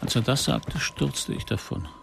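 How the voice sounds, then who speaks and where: A man narrating a radio drama in a reflective, measured way. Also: mid-range voice, big pitch swings, vocal fry, noisy background. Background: music.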